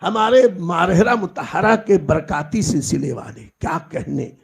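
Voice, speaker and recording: A man's voice: sits high, animated, measured pace, vocal fry, breathy edge. A man preaching a devotional sermon, telling stories of saints and addressing the audience as his friends. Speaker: Islamic preacher. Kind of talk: Urdu sermon storytelling. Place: large gathering, public address.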